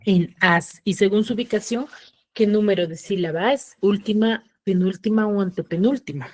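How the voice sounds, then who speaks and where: A woman teacher giving an online class, asking patient questions and slowing down to spell out syllables. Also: medium pitch, no echo. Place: home room for an online class.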